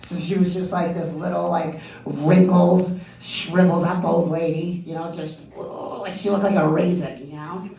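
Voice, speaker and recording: A man's voice: sits high, fairly even intonation, moderate pace, gravelly, warm tone, roomy sound, far from the mic. A man with a Boston accent doing a stand-up comedy set, chatty and full of "you know" and "like". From East Boston, US. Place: comedy club stage.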